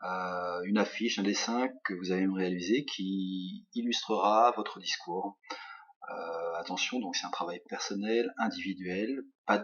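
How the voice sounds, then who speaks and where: A man's voice: low-pitched, a little slow, fairly bright tone, breathy edge. A middle-aged male teacher with a French accent, giving recorded instructions from home with many fillers and restarts. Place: home, during lockdown. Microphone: webcam or laptop mic. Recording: muffled lo-fi webcam audio.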